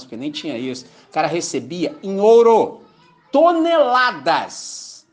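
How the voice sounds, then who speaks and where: A man preaching an informal, joking sermon, often checking that his listeners follow. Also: sits high. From Brazil. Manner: colloquial, jokey, keeps asking "entendeu?". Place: mission gathering.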